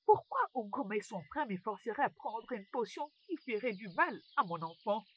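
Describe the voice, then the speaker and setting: Pregnant young wife, high-pitched, pleading, fearful. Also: female voice, animated, normal speed, slightly rough, no room sound. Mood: anxious. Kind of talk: dubbed film acting.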